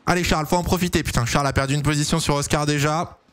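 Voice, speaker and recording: A young man giving casual, excitable live commentary on a race for his stream, pleading and cheering as it unfolds. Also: on the high side, fast, clean tone. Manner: excitable, pleading, swings to shouting at big moments.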